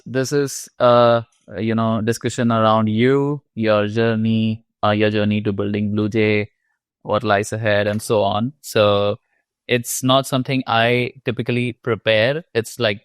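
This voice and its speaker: Guy hosting a podcast, smooth clear voice, lots of uhs, dry sound. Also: fairly low pitch, steady tone, dry recording. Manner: loose, halting, many fillers. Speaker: podcast host. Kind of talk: casual interview chat.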